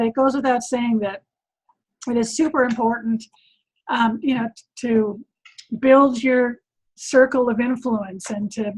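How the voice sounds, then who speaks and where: Woman coach rambling on a call, lots of ums, voice a bit high. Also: darkish tone, husky, low-quality recording. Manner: rambling, lots of fillers and restarts. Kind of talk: casual chat.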